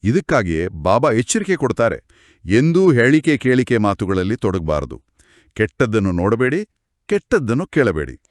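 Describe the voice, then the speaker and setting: Lower-voiced man explaining with examples. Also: very animated, moderate pace, no room sound, studio quality. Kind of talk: scripted spiritual discussion.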